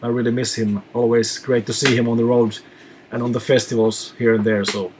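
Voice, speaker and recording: A man from Finland who reads out viewer questions and answers them in a relaxed live chat as a touring musician. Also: medium pitch, a little fast, background noise.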